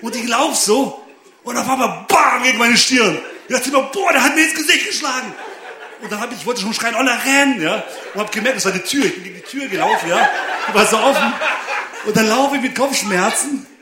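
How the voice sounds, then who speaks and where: A man's voice: very high voice, a little fast, background noise. A young man preaching, telling a funny personal story and laughing often. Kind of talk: lively sermon with personal anecdote. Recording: echoey room.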